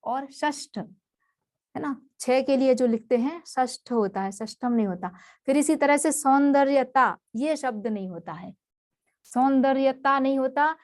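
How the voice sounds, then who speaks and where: A woman teaches a spelling lesson for exam students with a fairly high voice. She works through one word at a time. She says each term again so the class can follow. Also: animated, a little slow. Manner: patient, explains word by word and repeats each term.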